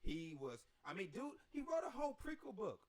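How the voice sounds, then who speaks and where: A man's voice: sits high, big pitch swings, fairly quick, darkish tone. A man hosting a casual podcast chat, talking in a rambling way with many restarts. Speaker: podcast host.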